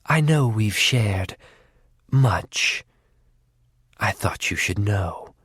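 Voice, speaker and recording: A man voicing a cruel, war-loving female faery who taunts her sister in a low, menacing voice that drifts into whispers. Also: animated, very slow, a bit bright, breathy edge, no room sound, clean studio sound, heavily acted.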